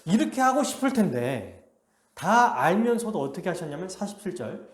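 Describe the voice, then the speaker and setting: A male pastor preaching a sermon with animated delivery, acting out the quotes he reads. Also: high-pitched, normal speed, roomy sound. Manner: animated, acts out quotes in a lively voice. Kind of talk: expository sermon. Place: church sanctuary.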